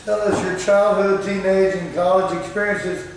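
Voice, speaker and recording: Male panelist, firm, high and flat-toned, distant in an echoey room. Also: moderate pace, a little hiss or hum. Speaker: panel member. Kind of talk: restating interview questions. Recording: echoey hall recorded from afar.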